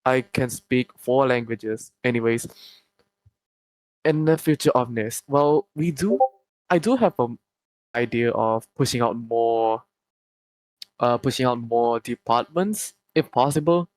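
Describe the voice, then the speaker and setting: A young man from Malaysia, answering interview questions casually with many pauses and restarts. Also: mid-range voice, lively intonation, no room sound, rough recording.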